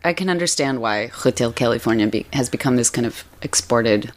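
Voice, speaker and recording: A woman with an unusually low-pitched voice talks through an interview at her own pace. She hesitates a lot, trails off and restarts her thoughts, leaning on "you know" and "um" as she goes. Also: animated, brisk. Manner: hesitant, many fillers and restarts. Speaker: author guest. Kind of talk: casual interview chat.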